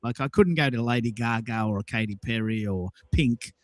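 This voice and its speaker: A man with a mid-range voice and moderate pace hosts a social audio show, recorded without echo. Chatting casually, he tells personal anecdotes emphatically, repeating himself for effect.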